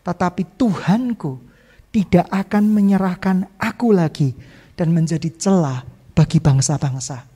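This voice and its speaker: A middle-aged male pastor preaching a sermon, emphatic, with sharp swings between loud and soft, slipping English phrases into his speech. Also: high-pitched. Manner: mixes English phrases into Indonesian.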